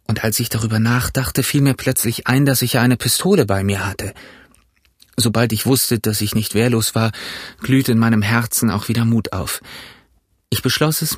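A man narrating an adventure story in a slow, measured audiobook reading. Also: medium pitch, breathy edge, no room sound, studio quality.

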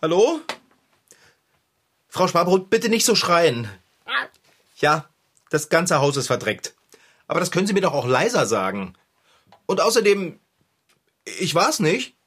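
An easygoing bike mechanic in a kids' TV comedy, played by a performer, chatty and carefree. The voice is husky, with a lively rise and fall. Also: medium pitch, full character voice. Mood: phoning. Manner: chatty, easygoing, quick to laugh. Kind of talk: children's TV comedy acting.

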